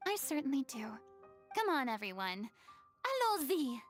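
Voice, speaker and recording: Furina, high theatrical former goddess. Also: female voice, very animated, normal speed, faint music behind. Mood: thoughtful, composed. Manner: theatrical, refined, flustered stammers. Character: theatrical, proud former goddess, girlish and easily flustered.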